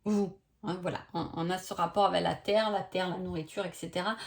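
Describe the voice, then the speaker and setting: A woman's voice: fairly low pitch, fairly even intonation, a little fast, gravelly. A woman giving a casual oracle card reading sign by sign, chatty, with many hesitations and tag questions.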